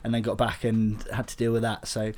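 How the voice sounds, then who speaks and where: A man's voice: on the low side, completely flat delivery, fairly quick, a little mellow. A young man co-hosting a podcast, chatty and teasing in casual talk. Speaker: podcast co-host. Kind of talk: casual chat.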